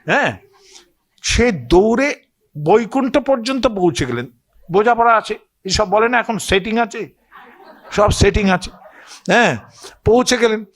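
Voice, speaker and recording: A man with a Bengali accent who speaks on scripture and myth tells old stories to an audience in a loose, digressive storytelling talk, often asking listeners to agree. His high voice is expressive, and he speaks at a measured pace with frequent pauses.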